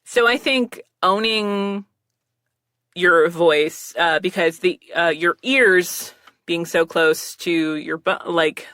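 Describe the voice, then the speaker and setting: A woman who calls her own voice low chats on a podcast about voice acting, offering recording tips into a close studio mic while wearing headphones. She speaks slowly with a fairly bright tone and no echo, rambling casually with lots of fillers and laughter.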